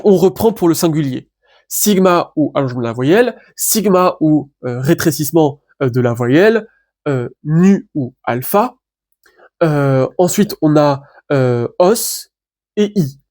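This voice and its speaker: A man giving a casual online lesson on biblical Greek grammar. He talks in a relaxed, chatty way, with many fillers and restarts, and slows down to spell out word endings. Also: on the high side.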